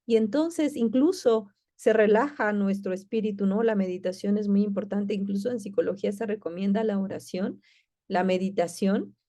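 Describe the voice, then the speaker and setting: A woman's voice: mid-range voice, normal speed, mellow. A woman teaching a Bible lesson in a loose, conversational way, with many fillers and restarts.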